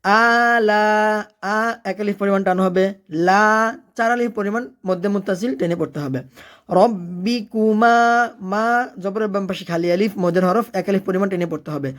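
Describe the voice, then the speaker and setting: Teacher chanting slowly, then explaining briskly. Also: mid-range voice. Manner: leads the learner, asking and answering its own questions. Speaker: Quran recitation teacher. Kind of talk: step-by-step recitation lesson.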